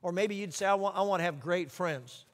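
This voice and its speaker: Male pastor, sermon, urging, fairly high voice, long hall echo. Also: fairly quick. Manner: direct, urging the listeners.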